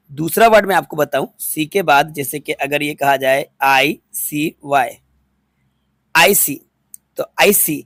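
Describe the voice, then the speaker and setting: A man's voice: fairly high pitch, a bit bright, no room sound, studio quality. A man teaching a phonics lesson to students, patiently spelling words out letter by letter and repeating each one. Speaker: English teacher.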